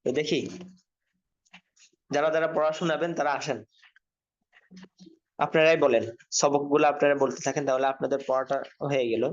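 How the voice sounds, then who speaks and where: A man's voice: on the high side, steady tone, dull audio. A man teaching an online Quran reading class, patiently spelling out letters and their endings. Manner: patient, repeats drills slowly. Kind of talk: online Arabic letter lesson.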